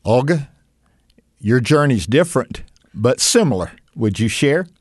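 A man interviewing guests, asking questions in a gentle, reflective way. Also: mid-range voice, expressive, a little slow, slightly rough, dry recording, clean studio sound.

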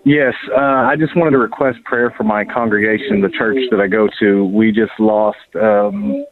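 A man's voice comes over the phone into a radio studio, squeezed thin and tinny by the line. His voice sits a little low, and he makes his request earnestly, pausing to find his words. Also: steady tone. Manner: earnest, halting with pauses. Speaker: caller. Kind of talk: call-in prayer request.

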